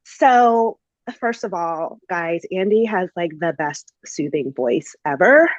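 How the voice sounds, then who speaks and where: A woman's voice: lowish voice, lively intonation, slow, no echo, muffled recording. Chatty woman podcast host. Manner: chatty, many fillers and "like". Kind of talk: casual conversational storytelling.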